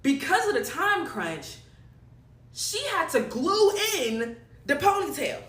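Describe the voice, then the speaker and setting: Brief: high, bright woman, exasperated storytime rant with cursing, recorded far off in an echoey room. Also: sing-song, takes it slowly. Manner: exasperated, swings from low mutters to loud outbursts; swears casually. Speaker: storyteller in a reacted-to video.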